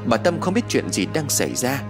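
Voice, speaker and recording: A man narrating a ghost story with dramatic, measured pacing. His pitch moves lively through each line, and clear background music runs under the narration.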